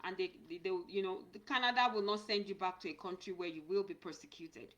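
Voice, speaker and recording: A Nigerian immigration consultant gives earnest advice on a live stream, answering viewers and reading their comments aloud while often repeating or restarting words. Her mid-range voice is steady, fast, and fairly bright, though the recording is muffled.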